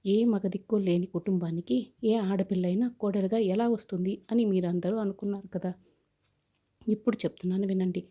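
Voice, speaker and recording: A woman's voice: medium pitch, fairly even intonation, a little fast, mellow, dull audio, natural voice. A woman reading the lines of a proud, defiant young man who calls off his wedding, in a scornful, lecturing way.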